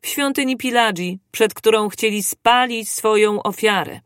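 A reader voicing an excitable, loyal male manservant in an audiobook, speaking in quick exclamations. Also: mid-range voice, dry recording, studio quality, close to an everyday voice. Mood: agitated.

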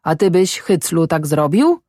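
Female reader doing a gruff kindly peasant man, folksy talk. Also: sits low, very animated, unhurried, dark tone, dry recording, clean studio sound, full character voice. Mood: curious. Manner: plain folksy peasant speech. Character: middle-aged peasant man, gruff but kind.

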